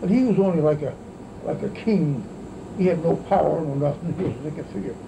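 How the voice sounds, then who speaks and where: A very elderly American man with an aged, creaky voice recalls the past casually, in a halting, rambling old man's way, often tagging thoughts with "see". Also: fairly high pitch. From United States. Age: very elderly, about 90s or older. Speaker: grandfather recalling wartime childhood. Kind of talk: casual oral-history reminiscence. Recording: noisy, steady insect-like background hum.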